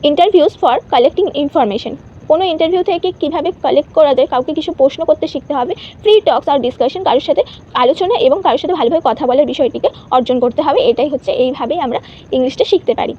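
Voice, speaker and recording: A woman teacher giving an exam-prep lesson, reading each English point out slowly before she explains it. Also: sits high, dark tone, muffled recording.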